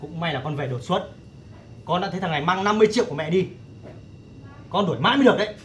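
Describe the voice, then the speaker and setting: A man's voice: sits high, animated, rapid-fire, a bit bright, slight background noise. An actor playing a stern elder son who scolds his younger brother. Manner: stern, lecturing.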